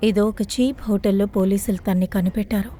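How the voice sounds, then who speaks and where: An actress dubbing a composed, guarded woman who speaks in a measured way. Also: mid-range voice, dark tone, lightly acted. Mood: reflective. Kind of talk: dubbed film acting.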